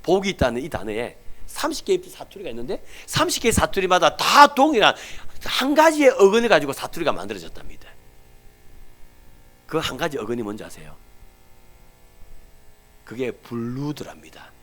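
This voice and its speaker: A man's voice: on the high side, brisk. A middle-aged male pastor with a Gyeongsang Korean accent preaching a sermon, telling stories with acted voices and sometimes dropping to a near whisper for emphasis. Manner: animated storytelling, acting out everyday people, dropping to near whispers for emphasis.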